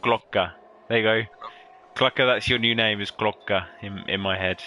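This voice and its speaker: Bright-voiced male race commentator, lively. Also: on the low side, moderate pace, a little hiss or hum. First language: English. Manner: lively, playful banter, excited at overtakes. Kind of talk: sim racing commentary.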